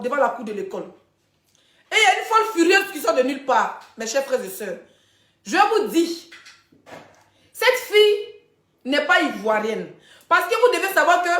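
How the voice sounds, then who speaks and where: A woman, hosting a casual live stream and telling gossip straight to her viewers in a chatty, animated way. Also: high voice, roomy sound. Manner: chatty, animated storytelling, addressing viewers directly.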